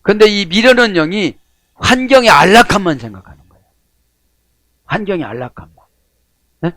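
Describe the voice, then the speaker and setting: Animated Korean male pastor preaching. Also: high voice, normal speed, no echo. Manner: animated preaching in a folksy tone, acting out prayers and shouts. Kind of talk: sermon.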